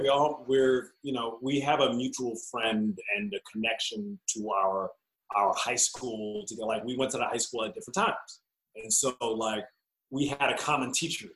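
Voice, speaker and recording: A man's voice: mid-range voice, fairly bright tone. A man close to forty talks loosely and full of slang as a guest in a casual chat. His voice sits in the middle range. The room around him is echoey. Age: 30s. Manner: loose slangy talk with exaggerated bits.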